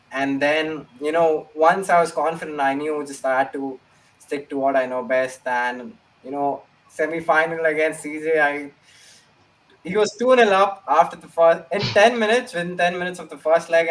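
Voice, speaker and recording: A young man, answering interview questions about his matches in an earnest way and repeating his key phrases. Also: fairly high pitch. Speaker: esports player. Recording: voice distant from the mic.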